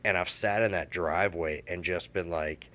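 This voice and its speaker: A man in his thirties telling a candid personal story, halting and emotional, with many restarts. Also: deep voice, fairly even intonation, a bit bright.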